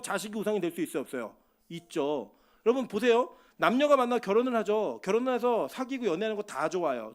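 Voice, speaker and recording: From the pulpit, a middle-aged male pastor preaches in a high voice. He swings between loud exhortation and quiet asides.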